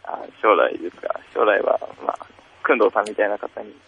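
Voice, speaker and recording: A man's voice: lowish voice, lively intonation, a little fast, vocal fry, narrow, tinny audio, a crowd in the background. A man in his twenties calling in from home, polite and deferential, laughing along as he is teased. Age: 20s. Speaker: listener caller.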